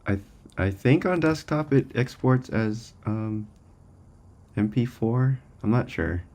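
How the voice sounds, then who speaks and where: A man's voice: mid-range voice, animated, takes it slowly, mellow. A man co-hosting a casual livestream, answering tentatively as he thinks aloud. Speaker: software developer co-hosting stream.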